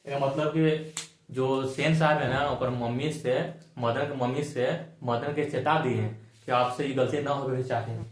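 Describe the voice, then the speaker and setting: A man's voice: mid-range voice, fairly even intonation, unhurried. Echoey male teacher. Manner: colloquial, repeats key points, asks and answers own questions. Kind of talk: exam-focused chapter explanation. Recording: echoey room.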